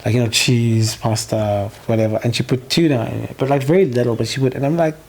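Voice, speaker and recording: A man's voice: medium pitch, fairly even intonation, quick pace, a little mellow, a little hiss or hum. A man co-hosting a podcast in casual chat, laughing often and telling playful stories. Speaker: podcast co-host.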